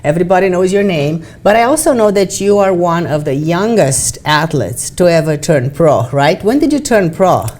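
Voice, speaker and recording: A woman hosts an interview in a studio with an upbeat, encouraging manner. Her voice sits a little lower than most women's. She often checks in with her guest with a quick "right?" at the end of a question. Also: lively intonation, darkish tone. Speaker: talk show host. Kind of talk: hosted interview.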